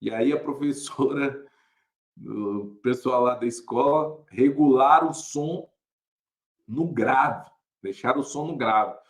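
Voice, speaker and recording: A young adult male pastor telling a personal story in casual talk, greeting viewers by name and laughing often. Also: slow pace. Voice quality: somewhat deep voice.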